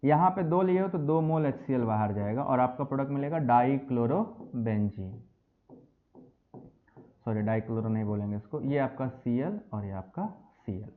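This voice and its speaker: A man gives a lively chemistry lecture to a class, calling the students beta and bachche and blending English phrases into his explanations. His voice is mid-range at a normal speed. The audio sounds tinny, like a phone.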